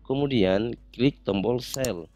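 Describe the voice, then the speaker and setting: A man calmly walking through statistics software steps one by one in a recorded tutorial. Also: medium pitch, slow, faint music behind. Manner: calm, methodical step-by-step explanation.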